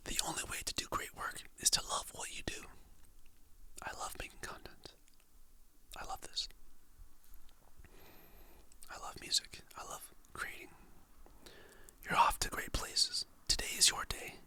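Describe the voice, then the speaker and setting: A content creator whispers motivational quotes and affirmations softly in a slow, soothing ASMR style, reading each quote and then naming its author.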